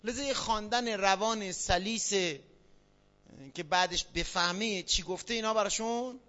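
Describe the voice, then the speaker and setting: High bright-voiced man lecturing a class. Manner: quizzes listeners, spells out examples. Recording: dull lo-fi sound.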